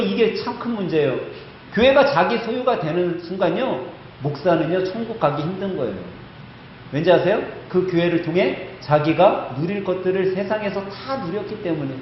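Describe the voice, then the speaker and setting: A man's voice: high-pitched, a little hiss or hum. A male pastor preaching a sermon, emphatic, telling a story and putting rhetorical questions to the congregation. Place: church sanctuary. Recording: echoey church hall, slightly dull sound.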